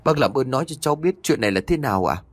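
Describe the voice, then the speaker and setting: A man's voice: medium pitch, expressive, rapid-fire, no echo, voice pushed up, close to an everyday voice. A man playing a frightened young man who pleads and rises to a cry. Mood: pleading.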